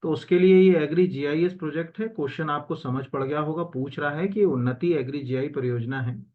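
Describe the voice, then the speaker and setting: Over phone-quality sound, a man with a somewhat high voice talks briskly as an exam coaching teacher. Sharing his screen, he goes through answers in Hindi laced with English terms, chatting casually with lots of fillers and self-corrections.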